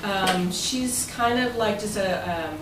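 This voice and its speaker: A club president gives members a slow, chatty talk in a mid-range voice, rambling somewhat and phrasing things loosely in this informal presentation. The roomy, noisy recording was captured from a distance.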